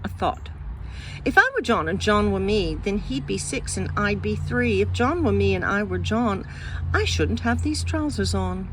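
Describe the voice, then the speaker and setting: Woman, reading children's poems aloud, sing-song, lively melodic voice, expressive. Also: mid-range voice, moderate pace, noisy background. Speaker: reader.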